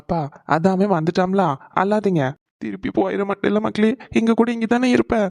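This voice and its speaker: A man's voice: sits high, fairly even intonation, fairly quick, dark tone, no room sound, lightly acted. A man voicing an emotional middle-aged father in a cartoon, pleading and tearful. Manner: pleading, calls his sons "people". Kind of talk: cartoon voice acting.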